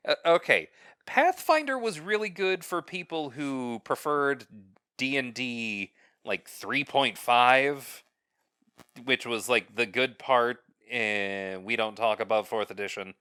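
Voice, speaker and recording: Male co-host, slow and halting, wry, clear bright tone. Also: mid-range voice, lively intonation, dry recording, studio quality. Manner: slow, halting, many fillers, wry complaints. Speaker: podcast co-host. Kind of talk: casual podcast chat.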